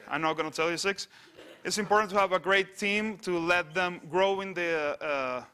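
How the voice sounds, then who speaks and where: A man from Venezuela, giving a wry, halting conference talk with many restarts. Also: fairly high pitch, pushed and bright. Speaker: conference speaker on satire news site. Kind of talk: conference presentation. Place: conference stage.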